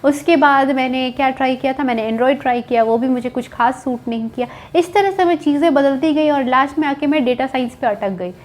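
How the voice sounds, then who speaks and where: A woman's voice: high-pitched, a little fast, few pauses, a little mellow. A young woman talking casually and candidly to students, mixing in English words and often checking in with "right?". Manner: candid, chatty, mixes English words into speech, keeps asking "right?". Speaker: coding educator on a video channel. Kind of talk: casual advice talk to students.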